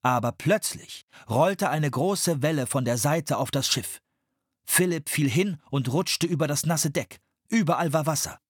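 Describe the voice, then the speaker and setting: A man narrating a children's adventure audiobook in an expressive storytelling manner, recorded on a close studio mic. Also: fairly high pitch, a little slow, slightly rough, no room sound.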